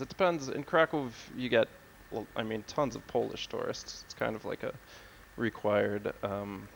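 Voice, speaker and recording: Low gravelly American man. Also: slight background noise, low-quality recording. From United States. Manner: relaxed, rambling with fillers. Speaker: guest, city guide editor. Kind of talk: casual podcast interview.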